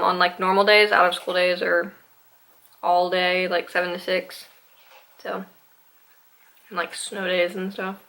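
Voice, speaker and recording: A woman's voice: medium pitch, sharp tone, low-quality recording. A young woman vlogging at home in a casual eating-show chat, hesitant and rambling with lots of ums and likes. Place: home room with a Christmas tree.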